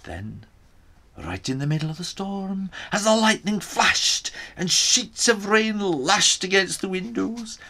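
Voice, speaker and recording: A man's voice: high-pitched, animated, takes it slowly, sharp tone, heavily acted. A man voicing a crafty Scottish island man, telling the story in the first person with a put-on Scottish accent. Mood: sly. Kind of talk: storytime reading in character.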